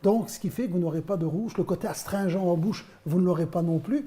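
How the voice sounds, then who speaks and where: A man's voice: sits high, quick pace, warm tone. A man in his fifties, originally from Belgium, a wine producer explaining his work in an interview with frequent hesitations. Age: 50s. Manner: explanatory, storytelling with many hesitations. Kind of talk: interview answers.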